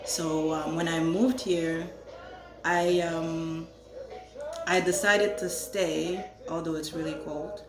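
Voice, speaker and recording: A young adult woman from Haiti who grew up in Florida co-hosts a casual chat, talkative and self-deprecating, laughing at herself. Her low voice keeps a level tone at a slow pace. The sound is roomy, with music in the background.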